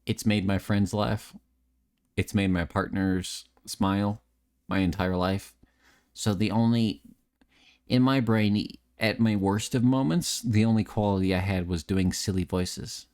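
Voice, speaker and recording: A man's voice: fairly low pitch, fairly even intonation, measured pace, a little mellow. A man streaming late at night, chatting candidly, repeating words and restarting sentences, swearing and joking at his own expense. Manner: swears freely, joking and self-mocking.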